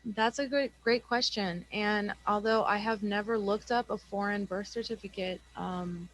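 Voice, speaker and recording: A woman's voice: medium pitch, steady tone, measured pace, poor audio. A woman hosting an online class, upbeat and welcoming as she invites people to join. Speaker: class host.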